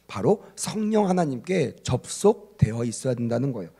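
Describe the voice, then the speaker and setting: A man's voice: medium pitch, very animated, normal speed, vocal fry, dark tone, husky. A male pastor preaching a sermon to a young adult congregation, telling a story and acting out its characters with emphasis. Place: church service.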